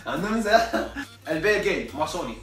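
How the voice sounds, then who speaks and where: Man, Syrian accent, comedic rant, mock-exasperated, very fast, roomy echo, distant from mic. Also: high-pitched, animated, bright, forceful tone. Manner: joking, ranting, mock-exasperated. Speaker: comedy vlogger. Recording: echoey room, off-mic, faint music.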